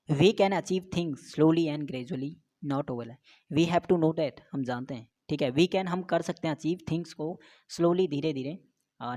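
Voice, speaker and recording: A woman teaching an exam-prep grammar lesson, reading sentences out slowly and explaining step by step. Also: low-pitched, a little mellow.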